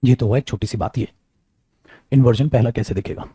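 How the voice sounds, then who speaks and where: Man, grammar teacher, lively classroom lecture, mellow tone, dry sound. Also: medium pitch, fairly quick, husky, no room sound. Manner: lively, addresses students as beta, mixes English into Hindi.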